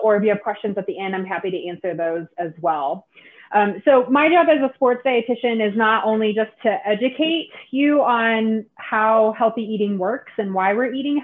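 A woman in her thirties, a sports dietitian, leading a live online cooking demo for kids from a home kitchen, friendly and instructive with frequent "um" fillers. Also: medium pitch. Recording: tinny video-call audio.

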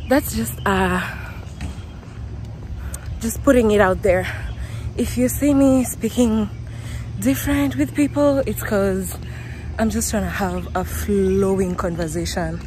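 A young Kenyan-accented woman talks slowly and easily into a handheld phone while out and about, breaking into laughter and self-mocking asides. Her pitch sits in a middle range. Faint outdoor noise and passing traffic sit underneath. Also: a little mellow. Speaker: vlogger. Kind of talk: casual vlog chat to camera. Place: outdoors, walking around town.

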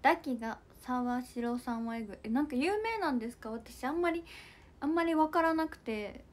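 A woman's voice: high voice, moderate pace. A young woman hosting a casual livestream, chatting with viewers and reading comments in a bubbly, giggly way. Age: young adult. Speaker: idol livestream host.

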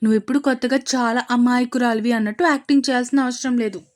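A woman voicing a sharp-tongued young mother who talks in a brisk, scolding way. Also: a little high, steady tone, lightly acted.

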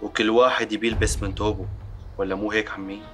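An actor with a Levantine Arabic accent playing an arrogant rich young suitor who is outwardly polite. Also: male voice, lowish voice, flat delivery, fast, faint music behind, lightly acted. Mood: smug.

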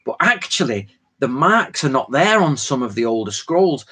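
A man's voice: mid-range voice, sing-song, moderate pace, pushed and bright, husky. Man, forties, hosting a live Q&A; talky, tangent-prone, loose slangy delivery. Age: 40s. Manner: rambling, chatty, jumps between tangents; informal slang and frequent fillers. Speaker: host of a live Q&A stream. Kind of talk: casual live-stream Q&A lecture.

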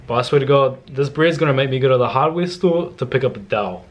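A man's voice: medium pitch, animated, fast. A young man casually talking through a bread recipe in his home kitchen, laid-back and slangy, picked up by the camera mic. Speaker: cooking vlogger. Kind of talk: casual cooking demonstration.

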